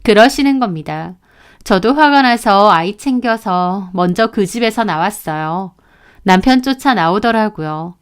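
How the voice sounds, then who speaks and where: A woman's voice: medium pitch, expressive, a little slow, clean tone. A woman narrating her own story as a daughter-in-law, speaking in an indignant, aggrieved tone.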